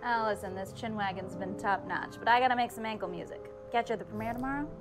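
Woman doing slangy 1940s gal pal, brisk patter, music behind. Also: medium pitch, lightly acted. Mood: chipper. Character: peppy 1940s female sidekick, slangy gossip. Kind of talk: 1940s period slang narration.

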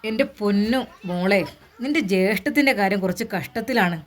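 A woman's voice: mid-range voice, a little fast, lightly acted. A woman doing a fed-up scornful husband. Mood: complaining. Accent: Malappuram Malayalam. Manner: complaining, scornful sighs. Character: irritable husband fed up with his sick wife.

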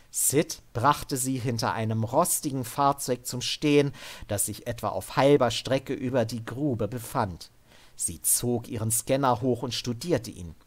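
A man narrating a translated adventure story, stopping now and then to add loose comments of his own. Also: mid-range voice. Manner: breaks off to add casual comments. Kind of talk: reading a translated story aloud.

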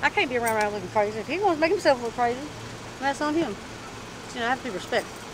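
A middle-aged woman chatting candidly in a street interview, animated and talkative, in an outdoor parking lot. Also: fairly high pitch, racing. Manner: animated, chatty, acts out quoted voices. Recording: street noise in the background.

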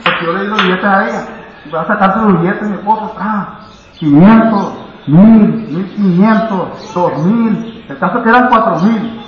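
A fervent Mexican man with a high voice gives his testimony in church, bursting into shouted praise. His voice booms around a big echoing hall. The sound is dull and lo-fi. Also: normal speed, a little hiss or hum. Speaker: church member giving testimony.

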